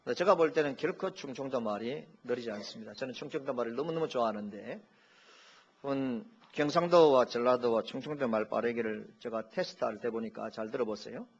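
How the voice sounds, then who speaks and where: Pastor, male, mid-pitched; playful sermon delivery that mimics dialects, dull lo-fi church recording. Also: brisk, a little hiss or hum. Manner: jokey, mimics regional dialects. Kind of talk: Sunday sermon. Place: church sanctuary.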